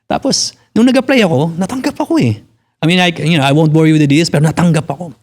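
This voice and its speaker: Filipino guy in his 40s, blunt and cussing, voice sits a bit high and jumps around a lot. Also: lively intonation, quick pace, darkish tone. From Philippines. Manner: blunt, swears freely, mixes in English. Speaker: physical therapist guest. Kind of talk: casual podcast conversation.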